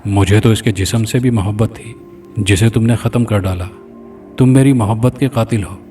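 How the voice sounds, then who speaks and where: A man's voice: fairly low pitch, dark tone, natural voice. A man voicing a menacing male spirit that has possessed an old father, speaking coldly and threateningly. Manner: cold, threatening. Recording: distant mic, faint background music.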